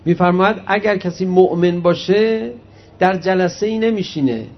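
A man preaching a religious sermon, reciting Arabic hadith slowly and then explaining them conversationally to his audience. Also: high-pitched. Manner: animated storyteller addressing the audience directly. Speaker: cleric preacher. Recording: muffled lo-fi recording.

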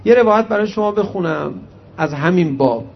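A man preaching a religious sermon, reciting Arabic hadith slowly and then explaining them conversationally to his audience. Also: high-pitched, creaky. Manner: animated storyteller addressing the audience directly. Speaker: cleric preacher. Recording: muffled lo-fi recording.

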